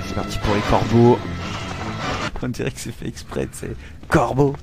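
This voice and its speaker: A man giving casual, excitable play-by-play commentary on a live game stream, swearing and laughing often. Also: mid-range voice, normal speed, creaky. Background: game music.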